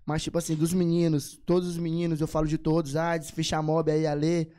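A young man from São Luís in Brazil with a Maranhão accent, talking excitedly and full of slang in a casual podcast chat. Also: on the high side, brisk. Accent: Maranhão Portuguese. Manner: excited, slangy, laughs easily. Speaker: singer guest.

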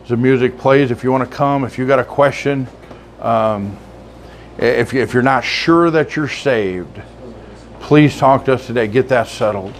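A man's voice: mid-range voice, unhurried, slight background noise. A man preaching a sermon to his congregation, earnest and repetitive, with frequent restarts. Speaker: pastor. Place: church sanctuary.

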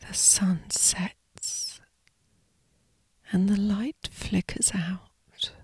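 A woman narrating a scripted sleep story as a guided meditation, in a breathy, hushed, soothing whisper. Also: mid-range voice, steady tone, drawn-out words, no room sound.

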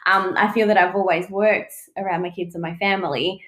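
A woman's voice: on the low side, fairly even intonation, a little fast, a bit bright. A woman in her thirties with an Australian accent, a podcast guest who talks candidly and emotionally and laughs often. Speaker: guest psychic medium. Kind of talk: podcast interview. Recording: roomy echo.

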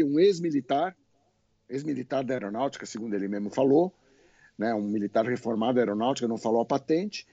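Lively Brazilian man telling stories. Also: a little high, dry recording, highs cut off. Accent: Brazilian Portuguese. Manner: animated, colloquial storytelling with swearing. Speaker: guest. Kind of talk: casual podcast conversation.

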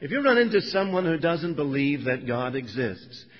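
A middle-aged man gives an earnest sermon testimony and turns now and then to the congregation with asides. His voice sits a little high and sounds husky. The recording is dull and lo-fi, with a long echo from the church hall. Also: very animated, moderate pace. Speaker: preacher.

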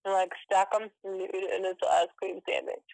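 A woman's voice: mid-range voice, level tone, fast, gravelly, darkish tone, no room sound, poor audio. A woman co-hosting a casual podcast remotely, giggly and chatty, eating while she talks. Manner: giggly, talks with her mouth full. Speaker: podcast co-host. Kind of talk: casual chat.

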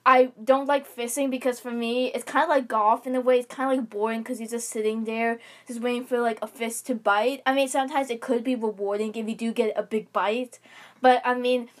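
Young woman, casual chat, slightly high voice, measured, explanatory. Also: fairly even intonation. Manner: measured, explains her views at length.

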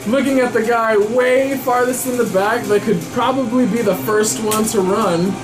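A man's voice: extremely high pitch, steady tone, normal speed. A man at a tabletop game, chatting casually and describing his moves in a playful, vivid, salty-tongued way. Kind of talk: casual game chat and action narration. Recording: roomy echo with background music.

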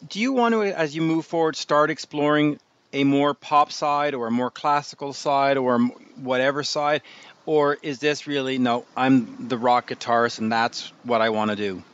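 Male interviewer, tired, rambling, trips over words, mid-pitched, muffled lo-fi audio. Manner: rambling, stumbling, self-deprecating. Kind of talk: casual interview.

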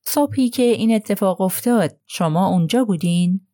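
Polite, probing older detective read by a woman, measured questions, dry close voice. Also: mid-range voice, animated, warm tone, no echo, lightly acted.

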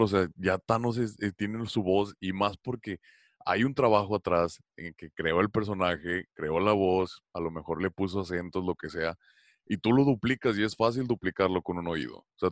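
A man interviewing a guest, talking casually in a relaxed, joking way. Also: low voice, no echo, studio quality. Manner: relaxed, joking, many fillers. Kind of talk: casual conversation.

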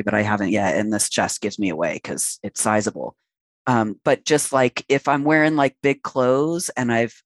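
A transmasculine man in his late forties speaks as a podcast guest in a candid interview, talking frankly and reflectively at length with fillers. His voice is fairly low in pitch, with no echo.

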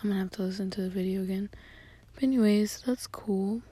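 A woman's voice: mid-range voice, steady tone, fast talker. A young woman whispering a rambling, casual voice message to a friend from a closet at home at night. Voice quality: breathy whisper. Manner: rambling, hushed, many fillers.

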